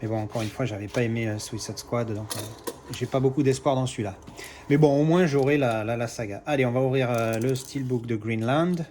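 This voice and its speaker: A man's voice: medium pitch, fairly quick, a little mellow, a little hiss or hum. A man talks through an unboxing in a loose, chatty way. He hesitates often, restarts his sentences and swears casually as he goes. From Marseille, France. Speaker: collector doing unboxings.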